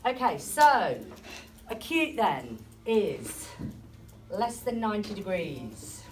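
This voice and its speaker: A woman teacher runs a classroom lesson, tossing out questions and praising answers. Her voice rises and falls in lively swings. It sounds like a distant classroom recording with steady background noise. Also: medium pitch, takes it slowly. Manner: questioning students, encouraging.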